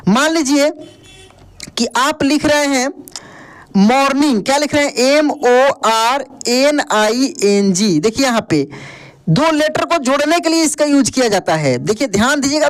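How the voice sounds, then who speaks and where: High-voiced man teaching English spelling. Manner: asks the viewer questions and answers them himself; spells words out letter by letter. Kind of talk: online video lesson.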